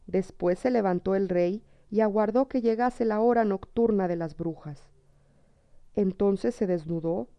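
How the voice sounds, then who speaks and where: A woman narrating a storybook tale in a steady, measured reading. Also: medium pitch, dry recording. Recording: dull lo-fi, dry.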